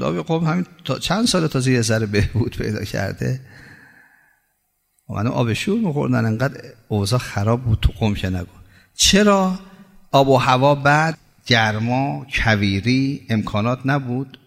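A middle-aged man preaching a sermon, telling stories with emphasis and jumping suddenly higher on key words. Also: expressive, vocal fry. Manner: emphatic storytelling with sudden high rises. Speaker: cleric preacher. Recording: long hall reverb.

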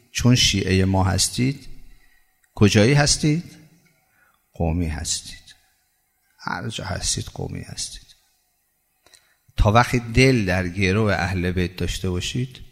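Deep gravelly middle-aged male preacher. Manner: emphatic storytelling with sudden high rises. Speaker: cleric preacher. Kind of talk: sermon. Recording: long hall reverb.

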